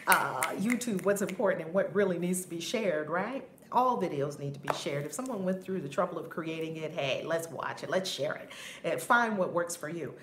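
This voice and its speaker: A woman giving a casual spiritual teaching on a livestream, animated, laughing often and swearing casually. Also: lowish voice. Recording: roomy with faint background noise.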